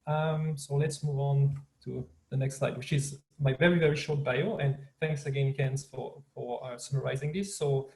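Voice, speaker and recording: A man's voice: mid-range voice, steady tone, moderate pace, gravelly, hardly any pauses, dark tone, low-quality recording. A man from Switzerland, a native French speaker with a Swiss French accent, giving an upbeat online lecture as a guest professor over a video call.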